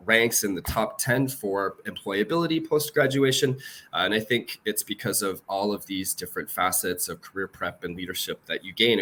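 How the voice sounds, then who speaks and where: Low-voiced man moderating a student panel. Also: a bit bright. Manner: measured, with frequent fillers. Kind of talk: moderating a university info session panel.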